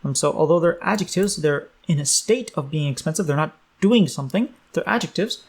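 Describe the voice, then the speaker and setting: Guy teaching a language online, gravelly, slightly high voice, loose and chatty. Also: expressive, a little fast. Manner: loose and chatty, many ums, explains with English glosses. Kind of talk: casual online lesson.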